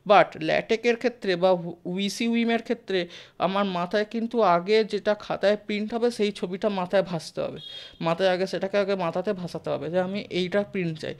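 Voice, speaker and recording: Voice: mid-range voice, clean tone. A teacher giving a live class lecture, talking conversationally, often checking in with listeners, asking the class questions and mixing in English terms. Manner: sprinkles English terms into the talk.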